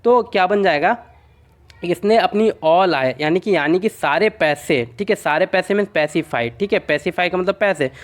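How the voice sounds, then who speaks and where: A man's voice: sits high, lively intonation, moderate pace. A man teaching exam vocabulary in a casual way, telling little stories as memory tricks and often asking and answering his own questions. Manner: explains through short made-up stories. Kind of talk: casual mnemonic lesson.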